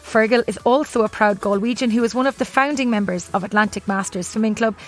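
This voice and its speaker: Higher-pitched Irish woman hosting a podcast. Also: quick pace, soft background music. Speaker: podcast host. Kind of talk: scripted introduction and interviewing.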